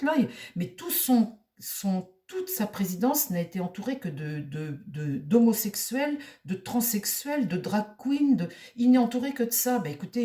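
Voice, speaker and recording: A woman's voice: fairly low pitch, dark tone, far from the mic. A woman tarot reader talking to her viewers in a heated, indignant way, often repeating herself. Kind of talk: casual monologue to viewers. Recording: roomy echo, mic set back.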